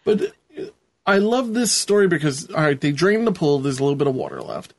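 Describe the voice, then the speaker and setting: Higher-voiced man chatting casually, close dry sound. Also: wildly swooping pitch, brisk, dry recording. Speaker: podcast host. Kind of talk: casual episode recap chat.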